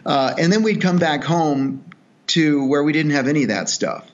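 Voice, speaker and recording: With the highs cut off, this slightly high male voice comes across at a moderate pace. He is a middle-aged Salvadoran charity executive on a podcast, telling his story in a relaxed interview style. Earnest and reflective, he leans on fillers and frequently restarts.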